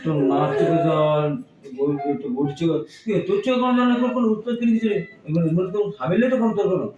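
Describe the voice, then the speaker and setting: A man's voice: on the high side, lively intonation, very fast, lightly acted. A man playing a scolding older neighborhood elder. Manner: scolding, reproachful. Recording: dull, distant, roomy, crowd behind.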